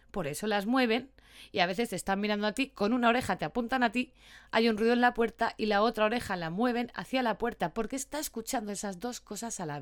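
Chatty woman host, dog trainer explaining things casually. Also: mid-range voice. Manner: chatty, animated, calls herself talkative. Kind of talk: casual podcast talk.

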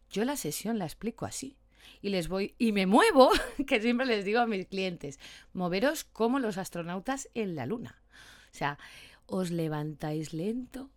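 Chatty woman dog trainer. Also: mid-range voice. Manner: chatty, animated, calls herself talkative. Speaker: dog trainer and podcast host. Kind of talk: casual podcast talk.

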